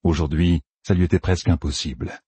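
A man narrating a fantasy audiobook in a dramatic, expressive reading. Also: low-pitched, brisk, husky, no room sound. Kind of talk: scripted narration.

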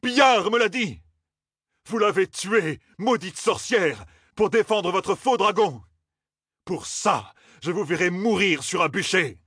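A man's voice: high voice, very animated, slow, hardly any pauses, slightly rough, dry recording, studio quality, voice pushed up, heavily acted. A man doing a ranting young zealot officer. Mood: enraged. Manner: shouting, ranting. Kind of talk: audiobook character voice.

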